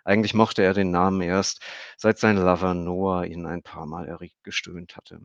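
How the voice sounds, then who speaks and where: Low-voiced man narrating a storybook. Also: flat delivery, normal speed, no echo, highs cut off. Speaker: audiobook narrator. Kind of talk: scripted narration.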